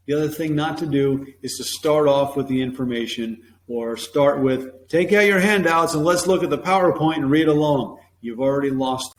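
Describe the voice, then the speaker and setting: A male teacher and presentation coach gives an emphatic, opinionated lesson to camera from a classroom, now and then acting out classroom phrases in a bright higher voice. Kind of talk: instructional talk to camera. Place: classroom with a whiteboard. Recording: echoey room with faint hum.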